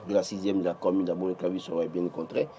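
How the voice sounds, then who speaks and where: Racing along in a low, dark voice with flat delivery, a man with a Beninese French accent gives political commentary on a morning TV press review. A little hiss or hum sits underneath. He's emphatic, restarts many times, and goes up in pitch when insisting.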